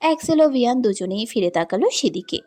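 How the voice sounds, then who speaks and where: A woman's voice: on the high side, animated, fast talker, warm tone. Woman narrating a romance story.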